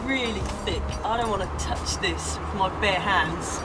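A woman's voice: mid-range voice, unhurried, loud music behind the voice, low-quality recording. Thirties woman vlogging in her garden; chatty, squeamish, laughs at herself. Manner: chatty, squeamish and self-amused. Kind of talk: casual to-camera vlog. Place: back garden outdoors.

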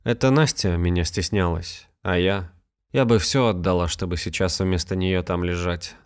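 A weary old village grandmother, plain-spoken and sighing, her voice pitched higher than the teller's own low tone, as a male narrator puts her on. She talks in a rustic, homely way in a storybook reading. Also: fairly even intonation, normal speed.

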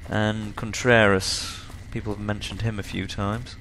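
A man's voice: lowish voice, level tone, measured pace, a bit bright, slight background noise, low-quality recording. A man doing casual let's play commentary, reading dialogue choices aloud in role-play.

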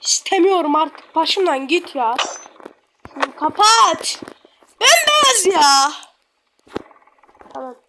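Casting: high-pitched, unhurried woman gamer, blurting slangy reactions over loud background noise. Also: animated. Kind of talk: casual gameplay commentary.

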